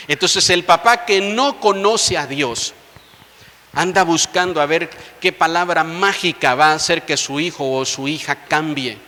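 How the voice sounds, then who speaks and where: A man's voice: a little high, sharp tone. A man in his thirties preaching a sermon as pastor, appealing directly to his congregation with rising fervor. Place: large church hall. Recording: long church reverb.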